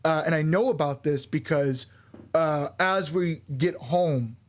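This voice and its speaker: Young male frontman, slightly raised pitch; casual, swear-heavy podcast storyteller. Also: measured pace. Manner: loose and candid, swears freely, lots of "like". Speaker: band frontman and podcast co-host.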